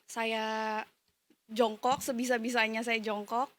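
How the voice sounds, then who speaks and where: A woman's voice: fairly high pitch, level tone, slow pace. A woman who teaches primary school, telling a story in a casual interview with many hesitant fillers.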